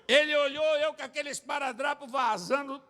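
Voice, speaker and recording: A Brazilian man preaching a sermon at a church service, telling a personal testimony in an animated way and rising to shouts. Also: very high voice, brisk. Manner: animated storyteller, acts out quotes, shouts at climaxes. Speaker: pastor and singer.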